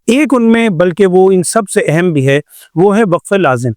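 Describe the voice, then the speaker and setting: A man's voice: sits high, lively intonation, darkish tone, no room sound, studio quality. An older man from Pakistan teaching Quran recitation in a patient classroom lecture, explaining with repeated examples and rhetorical questions.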